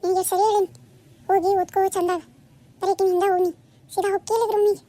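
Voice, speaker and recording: A woman voicing a scolding mother of two grown daughters in a cartoon, speaking rapid North Karnataka Kannada. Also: very high-pitched, little pitch movement, dark tone. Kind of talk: cartoon voice acting.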